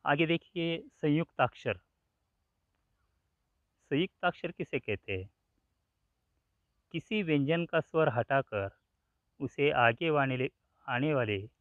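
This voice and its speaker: A male teacher explains a grammar lesson slowly and patiently, repeating every example and breaking it into letters. His voice comes through a thin, phone-like band. The room adds no echo and sounds dry. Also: medium pitch, animated.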